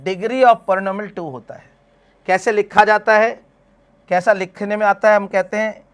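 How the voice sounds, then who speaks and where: A man's voice: sits high, fairly bright tone, clean tone. A math teacher, lecturing a class. He keeps asking his students questions and answers them himself, calling them beta as he talks them through each step.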